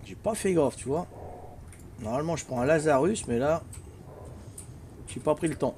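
A man's voice: a little high, lively intonation, moderate pace, a little mellow, a little hiss or hum. An older man with a Corsican accent, chatting casually and teasingly with viewers while playing a game on a live stream. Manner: teasing, chatty, peppers talk with "hein".

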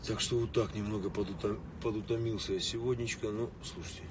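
Man in his late thirties, casual livestream chat, low voice, phone held away, traffic noise behind. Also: fast talker. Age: late 30s. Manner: relaxed, chatty, greets viewers by name. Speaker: musician livestreaming to fans. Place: inside a car in city traffic. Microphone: phone held or mounted at arm's length. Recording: distant phone mic with street noise.

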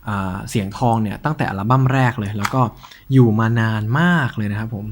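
A man hosting a collector's show in a casual, informal show-and-tell style, with a slightly husky voice. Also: fairly low pitch, steady tone, fast, noisy background. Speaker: host of a cassette collection show.

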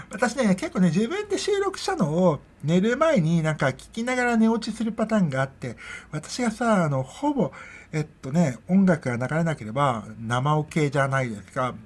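Middle-aged woman, podcast host, husky voice, lively swooping pitch, rambling casual chat. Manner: rambling, chatty, laughs often. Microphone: own podcast microphone.

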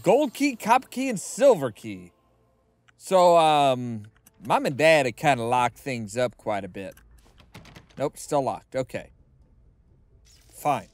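A man's voice: mid-range voice, lively intonation, takes it slowly, long pauses, dry recording. A man giving casual commentary as he streams a game, indoors in a small room.

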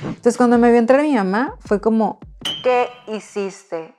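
A woman tells a personal story to her viewers, chatty and emphatic. Her voice sits a bit high. Faint music plays behind her. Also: brisk, mellow. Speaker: vlogger. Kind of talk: casual storytelling.

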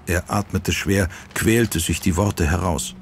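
A man with a low voice reads an audiobook in measured, dramatic narration. A faint hiss sits behind him. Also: fairly even intonation. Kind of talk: scripted narration.

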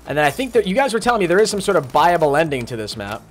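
Excitable man live-streaming a game. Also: fairly high pitch, very fast, faint music behind. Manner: chatty, greets viewers by name, excitable outbursts. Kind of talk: live gaming stream commentary.

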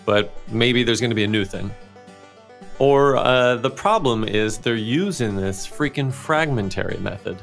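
A man's voice: fairly low pitch, vocal fry, fairly bright tone. A man giving a casual, playful video lesson as a test prep instructor, acting out his own thoughts while reading.

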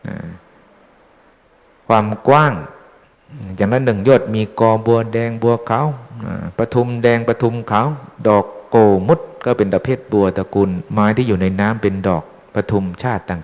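A man's voice: fairly low pitch, a little mellow. A Buddhist monk giving an informal, chatty dharma talk, teasing his listeners with questions. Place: temple hall. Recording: long hall reverb.

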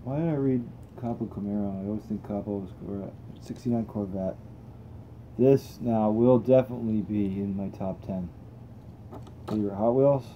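A man's voice: on the low side, normal speed, muffled recording, a little hiss or hum. A young man hosting a toy car channel, chatting casually and thinking aloud as he tests cars on a table indoors. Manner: relaxed, rambling, thinks aloud while testing cars.

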